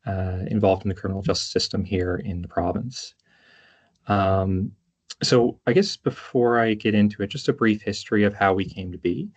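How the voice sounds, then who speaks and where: Man, lowish voice, hesitant halting presenter, lots of uhs, muffled lo-fi call audio. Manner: hesitant, very frequent uhs and pauses. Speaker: conference presenter from a justice charity. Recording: dull, lo-fi online call audio.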